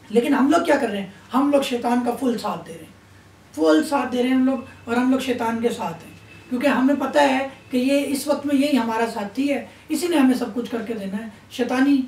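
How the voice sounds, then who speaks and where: A woman's voice: high-pitched, darkish tone. A woman giving an Islamic sermon in a stern, admonishing tone. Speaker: religious speaker. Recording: roomy echo, distant mic.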